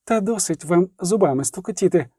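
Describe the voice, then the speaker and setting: A man's voice: high voice, lively intonation, fairly quick, dark tone, breathy edge, no echo, clean studio sound, pitched above the performer's own voice. A man reading as a curt young woman archer. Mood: dismissive. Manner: curt, hissing. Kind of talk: audiobook character reading.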